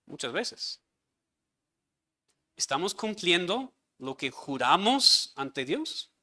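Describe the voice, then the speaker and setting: High, bright-voiced man preaching a sermon. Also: very animated, slow pace. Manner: earnest preaching with rhetorical questions to the congregation. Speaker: pastor.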